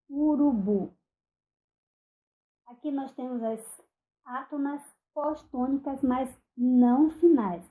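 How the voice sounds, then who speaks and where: A woman with a Brazilian Portuguese accent giving a recorded online phonetics lecture, speaking deliberately, spelling out example words one at a time and checking in with "ok?". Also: high voice, warm tone, poor audio. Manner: frequent "ok?" check-ins and self-corrections. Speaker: university lecturer.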